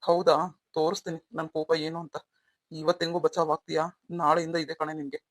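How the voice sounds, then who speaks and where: Brief: woman as young husband, protective but quick to anger, low-ish voice, rapid and flat. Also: no echo. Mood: angry. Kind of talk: melodramatic audio story acting.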